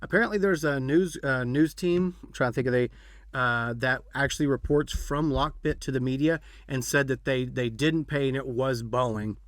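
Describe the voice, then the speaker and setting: A man's voice: mid-range voice, moderate pace, no room sound, clean studio sound. A man hosting a podcast, chatting casually and rambling with fillers and restarts. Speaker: podcast host. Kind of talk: casual chat.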